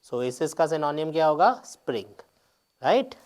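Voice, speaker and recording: A man's voice: on the high side, big pitch swings, moderate pace, a little mellow. Man explaining exam answers step by step. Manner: explains step by step, mixing Hindi and English, with frequent check-ins. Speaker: teacher. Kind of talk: exam paper explanation lecture.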